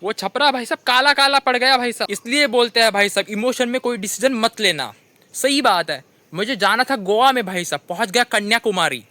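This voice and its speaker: High, bright-voiced young man telling comic stories. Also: brisk, no echo. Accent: Hindi. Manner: repeats "bhai sahab" constantly, animated storytelling. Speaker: comedian telling funny stories. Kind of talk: stand-up storytelling monologue.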